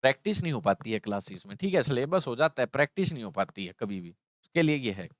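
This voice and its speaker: A man's voice: medium pitch, very animated, fast, no room sound, clean studio sound. A man teaching an English grammar lesson, explaining in Hindi with English terms and checking in with students often.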